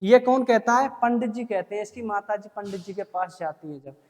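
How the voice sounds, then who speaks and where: A teacher tells a story as a lesson, constantly asking the class quick questions and answering them. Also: medium pitch, a little mellow, long reverb tail.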